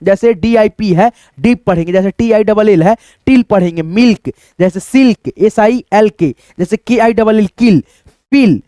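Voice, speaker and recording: A man's voice: sits high, a little slow, dark tone, no room sound, studio quality. A man teaching English phonics, spelling out words letter by letter and repeating each reading patiently for viewers. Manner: patient, repetitive. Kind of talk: spoken phonics lesson at a board.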